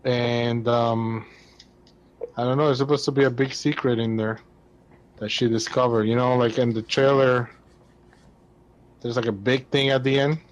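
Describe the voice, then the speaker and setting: A man's voice: mid-range voice, fairly even intonation, normal speed, pauses often, lo-fi sound. A man co-hosting a casual gaming podcast, explaining game lore in a rambling way with lots of fillers. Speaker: podcast co-host.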